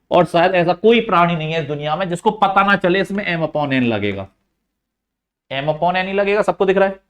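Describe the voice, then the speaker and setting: Guy teaching maths, slightly high voice, keeps repeating steps and nudging the class along. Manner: coaxing, repeats key steps, talks straight to students. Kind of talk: chalkboard maths lesson.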